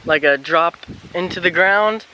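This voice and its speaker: This young adult American traveler has a high, bright, forceful voice and an unhurried pace, filler "like"s peppering his casual talk to a camera held out at arm's length. Audio is poor with slight hiss or hum, recorded outdoors on forest paths and indoors in a room.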